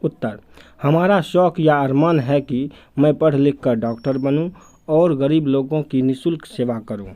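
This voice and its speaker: Male teacher, unhurried dictation of schoolbook answers, warm low-key timbre. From India. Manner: slow, measured dictation of questions and answers. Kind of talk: reading textbook answers aloud.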